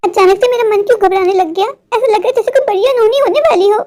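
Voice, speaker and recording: A woman voicing a worried, sharp-tongued old mother-in-law in a cartoon, fretful and scolding. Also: extremely high pitch, quick pace. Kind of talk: animated Hindi cartoon voice acting.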